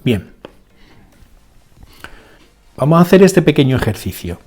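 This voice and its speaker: A man teaching a spoken language lesson, going slowly and deliberately, repeating each example word and checking in with rhetorical questions. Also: a little high, big pitch swings, a little mellow, husky, soft background music. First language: Spanish. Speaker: English teacher.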